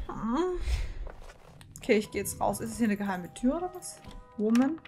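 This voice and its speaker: A woman's voice: on the high side, expressive, normal speed, mellow. A woman streamer giving live commentary on a horror game, jittery and talking to her chat, with frightened outbursts. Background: faint game music.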